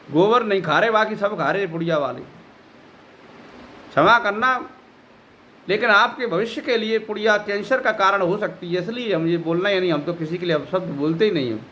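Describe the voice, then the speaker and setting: High-voiced man giving stern spiritual advice. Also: pushed and bright, slight background noise. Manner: scolding, admonishing. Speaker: spiritual teacher. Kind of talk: devotional discourse.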